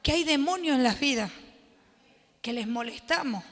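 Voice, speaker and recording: A woman pastor leading an animated Bible study sermon, laughing often and acting out the quotes. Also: high voice, moderate pace, long reverb tail.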